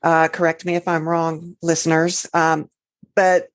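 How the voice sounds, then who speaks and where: Lower-voiced woman, chatty and dry. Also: flat delivery, unhurried, no echo. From Georgia, US. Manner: chatty, explains at length, laughs often. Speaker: podcast co-host. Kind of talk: casual chat. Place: recording apart from her co-host.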